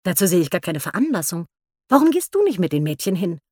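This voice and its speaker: A woman voicing a detached older husband who speaks in a flat, wry, understated way. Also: on the low side, fast, breathy edge, no echo, clean studio sound. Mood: dry.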